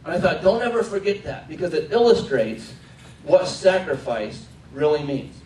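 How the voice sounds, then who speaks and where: Man, middle-aged, chaplain, earnest speech, slightly high voice, echoey room, distant mic, faint background noise. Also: a little mellow. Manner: earnest, slows down to stress key points. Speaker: military chaplain. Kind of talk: inspirational speech to a live audience. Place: large room before an audience.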